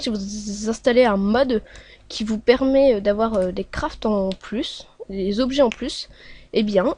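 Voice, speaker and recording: A woman's voice: fairly high pitch, mellow, slight background noise. A woman hosting a casual screen-recorded tutorial, talking along hesitantly with many filler sounds as she clicks through steps. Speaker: tutorial host.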